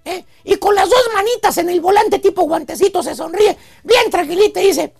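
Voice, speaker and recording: A woman's voice: very high voice, moderate pace, gravelly, a little mellow, faint music behind. A woman telling mocking comic stories on a radio show, often raising her voice. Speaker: comedy segment host.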